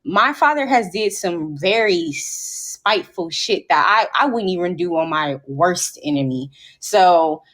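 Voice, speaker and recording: A woman's voice: on the low side, expressive, unhurried, few pauses, fairly bright tone. A woman co-hosting a podcast, talking candidly in a loose, rambling way with restarts and cursing. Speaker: podcast co-host. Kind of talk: casual chat.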